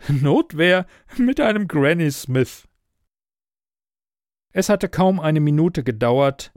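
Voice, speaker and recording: A man reads a first-person story aloud in a wry, even manner. His voice sits at a middle pitch and sounds close and dry, with no room echo. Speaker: audiobook narrator. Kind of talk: scripted first-person narration.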